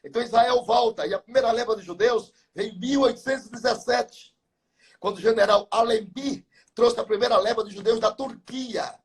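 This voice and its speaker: This seventies-aged pastor, very high-voiced and breathy, speaks fairly quickly in a live chat. He preaches by telling Bible stories passionately, layering in biblical numbers and wordplay.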